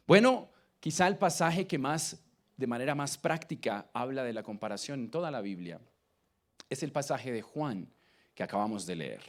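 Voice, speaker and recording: A Colombian-accented man delivers a sermon in a fairly high, very lively voice. He peppers the congregation with questions and swings between loud emphasis and hushed lines. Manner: preaching with rhetorical questions to the congregation. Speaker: pastor.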